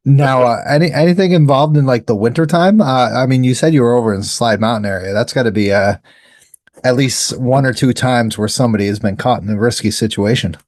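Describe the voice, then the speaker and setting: A man's voice: mid-range voice, brisk, darkish tone, no echo, studio quality. A man hosting a podcast, asking his guest questions in a loose, casual way with a few fillers. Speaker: podcast host.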